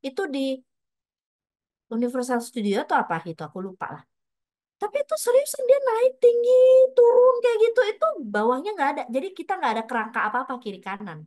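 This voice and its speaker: A woman's voice: on the high side, no echo. A middle-aged woman pastor giving a casual, chatty sermon full of personal stories, mixing in English words.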